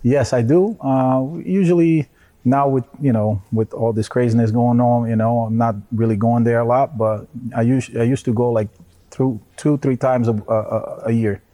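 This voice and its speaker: A man from Brazil chatting casually as an interview guest, in a hesitant, halting way. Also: medium pitch, fairly even intonation, warm tone. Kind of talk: casual chat.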